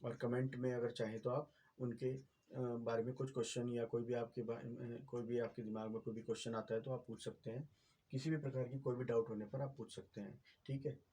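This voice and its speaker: A man's voice: mid-range voice, flat delivery, fairly quick, dark tone, slightly rough. A man, patiently explaining a writing lesson as a teacher, with many fillers and repeated checks.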